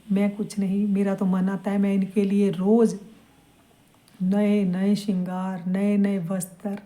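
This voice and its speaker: A middle-aged woman from Punjab talking softly and tenderly, as if confiding directly in a small deity idol, in a casual devotional vlog. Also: medium pitch. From Punjab, India. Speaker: devotional vlogger.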